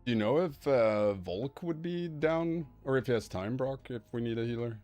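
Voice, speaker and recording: A man with a Swedish accent hosting a casual gaming stream, chatty and quick to laugh. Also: medium pitch, lively intonation, darkish tone, faint music behind. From Sweden. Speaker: streamer host.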